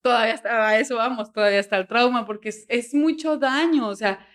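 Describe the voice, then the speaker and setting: A woman guest on a podcast, telling her story in a casual, animated way and acting out bits of dialogue. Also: on the high side, fast. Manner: animated storyteller, quotes dialogue, frequent "o sea", laughs often. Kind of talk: casual interview chat.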